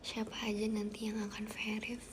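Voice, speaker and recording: A woman's voice: medium pitch, monotone, normal speed, a little hiss or hum. Chatty young woman streaming live from home. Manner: chatty, thanking viewers, slipping into soft whispers. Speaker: idol livestream host. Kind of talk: casual livestream chat. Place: at home, outside her bedroom.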